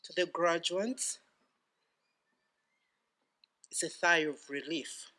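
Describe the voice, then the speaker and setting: A middle-aged man with a Ugandan accent giving a formal, ceremonial podium speech with deliberate phrasing. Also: fairly high pitch, bright, forceful tone. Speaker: graduating PhD student giving vote of thanks.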